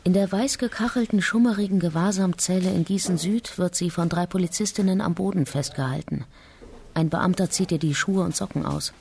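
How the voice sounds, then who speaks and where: A woman giving a calm, measured documentary narration. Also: on the low side, creaky, slight background noise.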